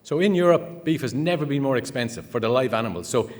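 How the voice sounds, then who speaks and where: At a conference, an Irish man gives a chatty talk in a medium-pitched voice with lively intonation and a quick pace. His speech is packed with fillers, restarts and anecdotes, and the recording carries a long hall reverb.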